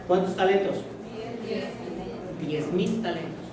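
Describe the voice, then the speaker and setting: Emphatic pastor in an echoing church. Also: male voice, high voice, takes it slowly, recorded from a distance, a crowd in the background. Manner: emphatic, keeps telling listeners to listen closely. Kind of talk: sermon. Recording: very echoey church hall from afar.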